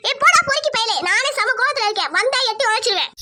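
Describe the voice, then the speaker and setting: A performer voicing a spirited young village woman in a cartoon, sharp with a pest and tender with her lover. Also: very high voice, fairly even intonation, fast talker. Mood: angry. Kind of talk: cartoon voice acting.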